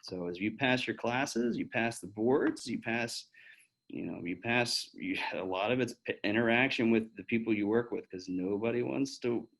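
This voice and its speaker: A physician in his thirties chats with pre-med students, answering their questions candidly with lots of fillers and restarts. His mid-range voice is creaky and a bit bright at a moderate pace, and the recording quality is low.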